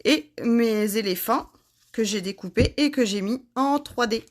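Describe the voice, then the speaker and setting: A woman's voice: on the high side, a little slow. Woman craft host, leisurely and friendly, talks to viewers by name as she works. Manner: chatty, addresses viewers by name, laughs at herself. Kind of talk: casual craft demonstration.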